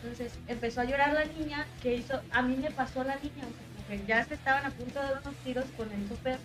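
A woman with a Mexican accent telling an animated anecdote in casual chat, full of slang. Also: high-pitched, fast talker, faint music behind, poor audio. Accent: Mexican Spanish.

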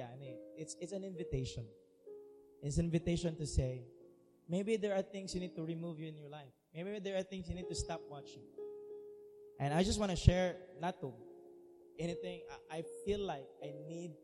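A man with a Filipino Cebuano accent preaching a sermon as a pastor, earnest and confessional, switching between languages. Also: fairly high pitch. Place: church hall. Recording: reverberant church hall with music.

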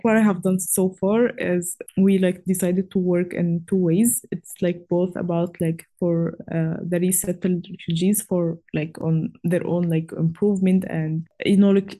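Woman, 20s, from Egypt, interview guest, lower pitch, hesitant, filler-heavy. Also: dark tone. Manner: hesitant, many fillers and restarts. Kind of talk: casual interview.

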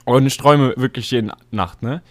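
A young man co-hosting a casual podcast, telling stories in a slangy, animated way with many fillers. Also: medium pitch, moderate pace. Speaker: podcast co-host. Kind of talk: casual chat.

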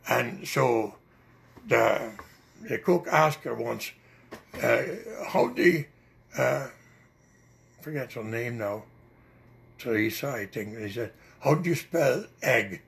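Older Dutch-accented man, gravelly voice. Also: medium pitch, slow pace, pauses often. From Netherlands. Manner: rambling storyteller with many hesitations. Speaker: interviewee. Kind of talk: oral history interview.

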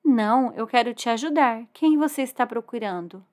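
A woman voicing a kind, timid dragon in a children's story, speaking gently. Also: on the high side, normal speed, natural voice. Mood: gentle.

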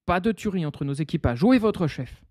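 A man voicing a calm, peaceable young prince in a storybook reading. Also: high-pitched, fairly quick, slightly rough, dry recording, clean studio sound, pitched above the performer's own voice. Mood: firm.

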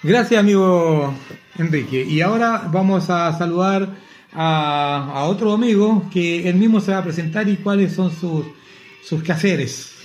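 High-voiced cheerful Chilean radio host. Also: male voice, a little slow, highs cut off, slight background noise. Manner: cheerful, effusive greetings, laughs easily. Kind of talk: radio show hosting.

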